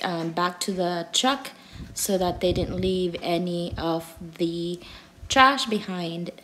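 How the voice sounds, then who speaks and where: A woman's voice: medium pitch, a little hiss or hum. A young adult woman vlogger giving a cheerful, chatty voice-over for a home video, with frequent ums and uhs.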